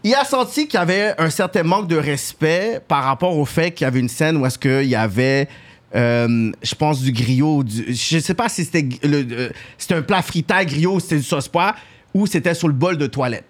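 Animated male host. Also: a little high, normal speed. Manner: animated storyteller mixing English slang. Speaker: podcast host. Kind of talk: casual chat.

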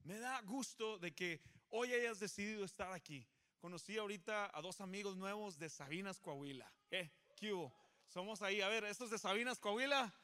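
High, bright-voiced pastor preaching. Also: male voice, normal speed. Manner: animated, joking, coaxing the crowd. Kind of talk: lively sermon with congregation call-and-response. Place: church service before a congregation.

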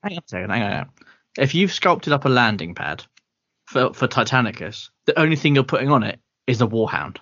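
A man's voice: medium pitch, very animated, brisk, fairly bright tone. A man co-hosting a casual podcast, joking and teasing the others. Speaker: podcast co-host. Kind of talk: casual chat. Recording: dull lo-fi sound.

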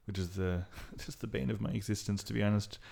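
An Irish man with a fairly low voice talks through his research in a relaxed podcast chat. He explains things at length with an earnest tone, and breaks into laughter here and there. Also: fairly quick, gravelly. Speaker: historian and genealogist guest. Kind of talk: casual podcast interview.

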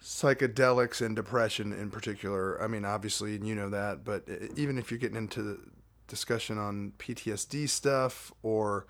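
Casting: gravelly, low-pitched man, chatty podcast host who wanders off topic. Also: fairly even intonation, moderate pace, a little hiss or hum. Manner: chatty and digressive, frequent fillers. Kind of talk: casual podcast conversation.

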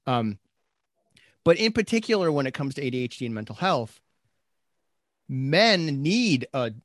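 A man's voice: mid-range voice, sing-song, a little slow, dry recording. Man talking casually, dry close sound. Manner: thoughtful, hedging, self-deprecating. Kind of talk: casual conversational chat.

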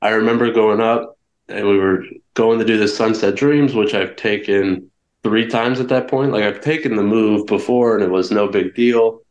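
A man's voice: on the low side, steady tone, normal speed, darkish tone. A young man being interviewed, telling his story candidly, with frequent restarts and fillers. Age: young adult. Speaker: guest wrestler. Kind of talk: casual interview. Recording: echoey room.

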